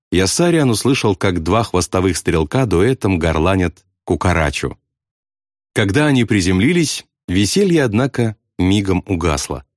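A man's voice: sits low, no room sound, studio quality. A man reading a novel aloud as audiobook narration, telling it expressively. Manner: expressive storytelling.

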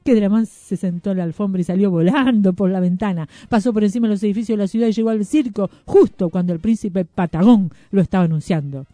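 A radio storyteller reading a children's story in a playful, lively way. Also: mid-range voice, fast, few pauses, no echo, clean studio sound. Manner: playful, lively read with wordplay. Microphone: studio radio mic.

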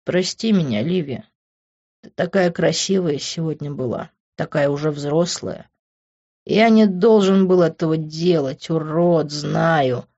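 A woman voicing a drunk, remorseful young man who growls and then pleads in a low voice. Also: a little slow, mellow, muffled recording.

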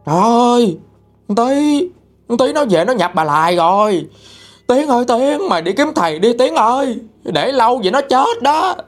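A man voicing a panicked village woman, yelling shrill and frantic. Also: very animated, normal speed, soft background music.

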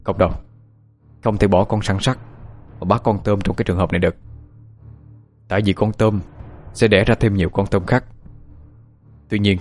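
A man's voice: lowish voice, fairly even intonation, normal speed, long pauses, a little mellow, soft background music, close to an everyday voice. A man voicing an earnest, cautious young student exorcist, urgently explaining things to companions. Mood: wary resolve.

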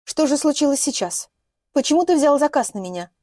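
Woman doing young female captive, shrill and furious, audiobook. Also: animated, fairly quick, dry recording. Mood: defiant. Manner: shouting, hysterical outbursts.

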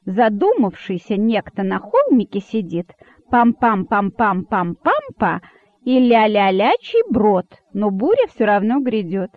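A woman reading aloud and voicing an excitable female monkey who shouts her story to a crowd. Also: mid-range voice, moderate pace, hardly any pauses, dry recording. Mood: excited. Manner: shouting, eager, indignant. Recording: dry tinny phone-like sound.

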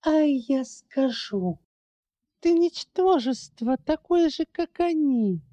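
A woman voicing a fierce young dragoness who defends orphans, accusing and high-strung. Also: a little slow, dark tone. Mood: furious. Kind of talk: audiobook character voice.

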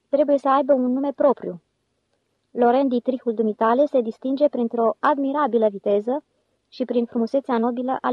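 A woman's voice: a little high, no echo, lightly acted. A woman reading a scheming, cool-headed male con man leader in a solemn, mock-official manner, on a dull lo-fi recording.

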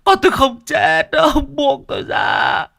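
A sobbing father wailing high. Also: unhurried, gravelly, full character voice. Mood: frantic pleading. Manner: desperate, sobbing, shouting. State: crying. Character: middle-aged father wailing over his dead daughter.

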